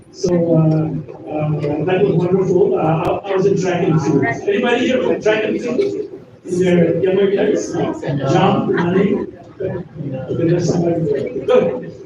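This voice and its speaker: In a university lecture hall, an older guest speaker with a high-sitting voice delivers a casual talk, chatting, joking and laughing with the audience. The sound is echoey and noisy, recorded from a distant mic with a dull, lo-fi quality.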